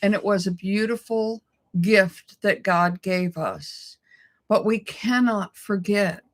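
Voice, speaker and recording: A middle-aged woman co-hosting a casual chat, telling a personal story in an emotional way and laughing often. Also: lowish voice. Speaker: co-host.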